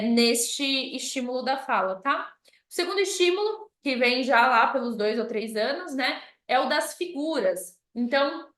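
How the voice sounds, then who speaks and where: A woman's voice: high voice, fairly bright tone. A woman giving an informal lesson to parents, chatty and often checking in with "tá?". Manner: conversational, often ends points with "tá?". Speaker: children's educator speaking to parents. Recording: roomy echo.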